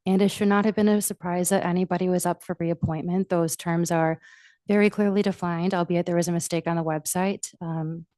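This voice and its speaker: A woman speaking as the chair of a township board meeting, making formal remarks in halting, measured phrases. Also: on the low side, steady tone, warm tone, no echo.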